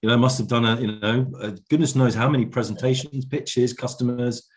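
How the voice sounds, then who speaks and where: A man's voice: medium pitch, fairly even intonation, fairly quick. A man answering as an interview guest in casual, reflective talk, often hedging as he goes.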